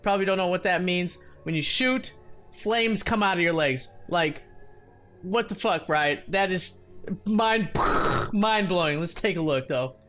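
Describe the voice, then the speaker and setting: A man excitedly commenting on a video game for his channel in a casual, hyped-up way, swearing now and then. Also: high voice, moderate pace, soft background music. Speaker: gaming YouTuber.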